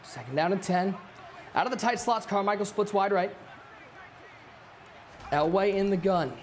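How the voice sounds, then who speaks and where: A high-voiced man calls play-by-play for a football video game tournament. He jokes around and lifts into excitement on the big plays, and steady noise runs under his mic. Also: normal speed. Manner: energetic, joking, hypes big plays. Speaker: esports play-by-play commentator. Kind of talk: live play-by-play commentary.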